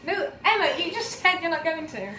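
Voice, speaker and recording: A woman's voice: very high-pitched, very animated, brisk, pushed and bright, echoey room, distant mic, slight background noise. A teenage girl chatting, teasing and bossing while cooking in a home kitchen, recorded by a camera on the counter. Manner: giggly, bossy, sings along. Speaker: co-host. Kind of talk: casual chat while cooking.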